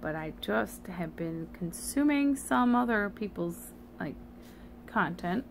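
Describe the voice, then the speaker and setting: A tired, sleepy woman gives a halting, meandering confessional monologue, slightly slurred because she has a retainer in her mouth. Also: mid-range voice, expressive, gravelly, a little hiss or hum. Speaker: vlogger.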